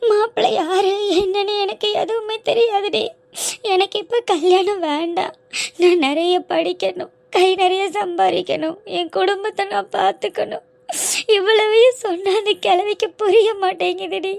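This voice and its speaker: A woman voicing a gentle young female college student in a cartoon, talking softly and pleading. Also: very high-pitched, fairly even intonation, normal speed, creaky, no echo. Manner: soft, pleading. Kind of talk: cartoon voice acting.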